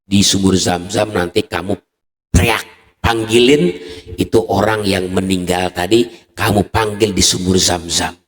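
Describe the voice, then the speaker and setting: A man doing a calm old sheikh giving orders. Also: low-pitched, measured pace. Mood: instructing. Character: wise old male sheikh giving instructions. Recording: echoey mosque hall.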